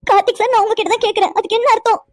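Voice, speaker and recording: A woman's voice: extremely high pitch, steady tone, racing, dry recording. A woman voicing a tearful, accusing young cartoon heroine. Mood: angry. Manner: accusing, tearful, insistent questions. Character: young woman, hurt and angry at her lover. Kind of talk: cartoon voice acting.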